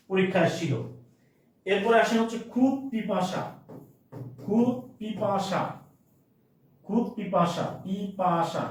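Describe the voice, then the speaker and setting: A man teaching an online grammar class, repeating each word and often checking that students follow. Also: high-pitched. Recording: very echoey room, distant mic.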